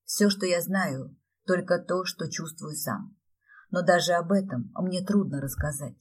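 A woman voicing a gentle, reserved man who soothes a young woman in a soft, hushed way. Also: fairly low pitch, measured pace, breathy edge, distant mic. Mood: tender, hushed.

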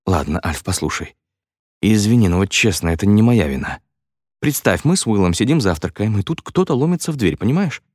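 A flustered young builder, pitched up, rambling and pleading, voice swooping up and down, close and dry, as a male narrator puts him on. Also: big pitch swings, fairly quick, darkish tone, dry recording. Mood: sheepish. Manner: rambling, excuse-making storytelling.

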